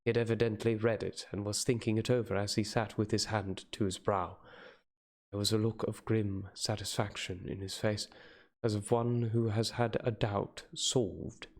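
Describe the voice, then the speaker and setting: A man's voice: fairly low pitch, little pitch movement, moderate pace. A man narrating a classic novel as a hammy dramatic reading, sometimes stumbling and going back over phrases. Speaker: reader. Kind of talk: dramatic audiobook-style narration.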